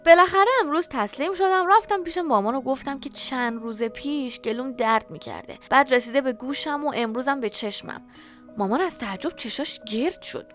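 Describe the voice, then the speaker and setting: A woman narrating a children's story in the first person as a young boy, with a lively, expressive reading. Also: sits high.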